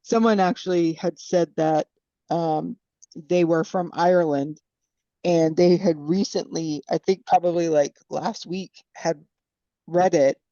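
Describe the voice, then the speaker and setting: Woman, mellow voice, slightly dull dry sound, hesitant chatty podcast talk. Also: fairly low pitch, steady tone, a little slow, dry recording. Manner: hesitant, lots of fillers and "you know". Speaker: podcast panelist. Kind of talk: casual book discussion.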